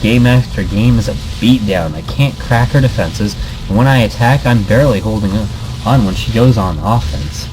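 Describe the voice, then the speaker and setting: Music plays in the background of this rough recording, along with other background noise, as a let's player with a fairly low, animated voice reads a visual novel aloud at a moderate pace. He rambles, interrupts himself, and adds playful asides while commenting casually.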